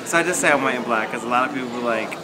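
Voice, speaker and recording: A young man answers documentary questions in a relaxed, good-humored voice. His pitch is middling, and loud background noise fills the recording. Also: very fast. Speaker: student interviewee. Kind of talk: documentary interview.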